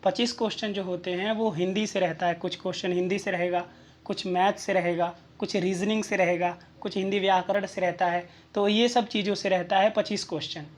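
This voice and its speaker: A woman's voice: lowish voice, steady tone, brisk. A woman tutor explaining exam questions and answers step by step, checking in with the listener with small rhetorical questions.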